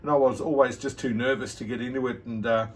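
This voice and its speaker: An Australian amateur radio operator chats casually at his radio desk, sounding friendly and encouraging. His voice is mid-range and steady, and he talks fast. The indoor phone-camera recording is distant, with slight background noise.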